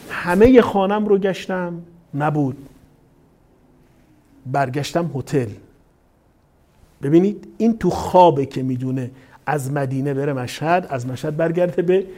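Mellow-voiced man preaching a story. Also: fairly high pitch. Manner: animated storytelling, voicing quoted people. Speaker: caravan cleric. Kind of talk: sermon with storytelling.

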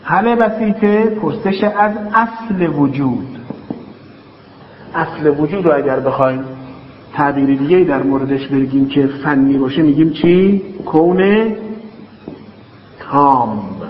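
A man teaching a logic class, dictating terms slowly and then explaining them with quick everyday examples. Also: mid-range voice. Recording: echoey, dull hall recording with faint hiss.

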